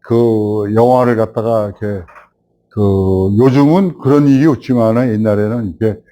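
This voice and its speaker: An older man in his seventies, a veteran film director, reminisces in an easy storytelling manner. His voice sits in an ordinary middle pitch and lifts with animation whenever he relives an old memory. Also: normal speed. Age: 70s. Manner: animated storyteller, rising when recalling the past.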